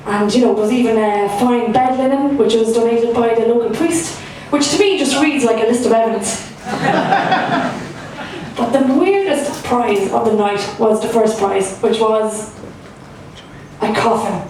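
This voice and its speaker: On a comedy club stage, a young woman from Ireland delivers stand-up a little slowly, her fairly high voice darkish in tone and her style loose, self-deprecating, and filler-heavy. Heavy room echo surrounds her, she sounds distant from the microphone, and a faint room hum runs underneath.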